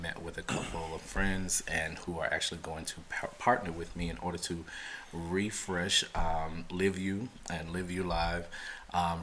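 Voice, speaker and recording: Deep-voiced man hosting a casual chat. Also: fairly bright tone, slight background noise. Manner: chatty, laughs often, lots of ums. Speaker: co-host.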